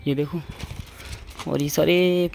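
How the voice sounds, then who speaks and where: A young man with a voice on the high side and vocal fry speaks slowly and fairly evenly while vlogging from open rooftops. The handheld outdoor recording is noisy. His commentary is casual and repetitive, aimed at viewers he addresses like friends.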